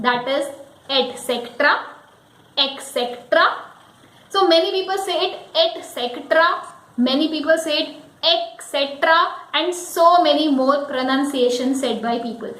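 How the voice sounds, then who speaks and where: A woman's voice: sits high, normal speed, few pauses, fairly bright tone, roomy sound, low-quality recording. A woman giving a careful pronunciation lesson, spelling words out letter by letter. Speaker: English teacher.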